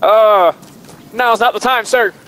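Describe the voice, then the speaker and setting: A man playing a dutiful, deadpan soldier in online game role-play, answering in clipped lines to his sergeant. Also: sits high, slow pace, clean tone. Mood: deadpan, reluctant. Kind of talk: improvised in-game role-play over voice chat. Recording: game voice chat over faint battle noise.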